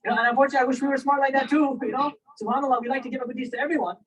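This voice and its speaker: A man giving a casual, animated religious storytelling lecture, often checking in with his listeners. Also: very high voice, racing, husky. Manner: animated, conversational, asks listeners "right?" and "you know?". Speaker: Islamic lecturer. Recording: distant mic, poor sound quality.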